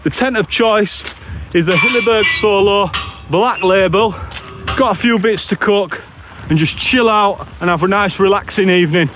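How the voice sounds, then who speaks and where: A man's voice: sits high, fairly bright tone. A man with a Bradford, West Yorkshire accent, chatting casually and bluntly in northern dialect for a solo camping vlog. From Bradford, West Yorkshire, England. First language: English. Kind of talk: casual walking vlog chat. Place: outdoors on open moorland, walking. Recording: outdoor background noise while walking.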